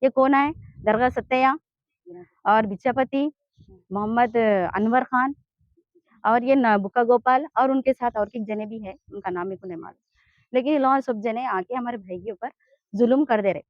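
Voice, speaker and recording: A woman with a Hyderabadi Urdu accent speaks in a high, urgent voice, pressing her complaint to a reporter with insistent, pleading force. The sound is dry and close, a little dull and lo-fi. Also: moderate pace, dry recording. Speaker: interviewee in a land dispute. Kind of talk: street interview complaint.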